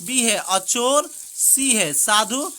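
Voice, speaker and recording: A woman teaching exam prep, reading out multiple-choice questions and answers quickly and often saying "theek hai doston", with rain behind her. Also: on the high side, lively intonation, bright, forceful tone. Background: rain heard in the background.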